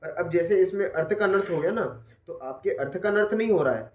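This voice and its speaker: Quick-paced and a little mellow, a man with a high voice gives patient, step-by-step feedback to his class and repeatedly makes sure he has been understood. A roomy echo surrounds the recording.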